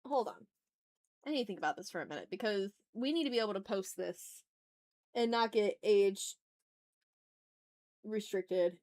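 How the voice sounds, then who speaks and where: This art livestream host has a medium-pitched, darkish, animated voice at a moderate pace, broken by long pauses. She swears freely and thinks aloud in informal, candid chat while she draws.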